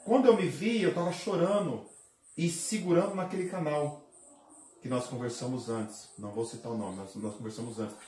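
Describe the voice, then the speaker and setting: A man's voice: on the high side, normal speed, darkish tone, a little hiss or hum. A man, a pastor, giving an emotional testimony of faith, dramatic and re-enacting his own cries and heartbeat. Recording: roomy sound from a distant mic.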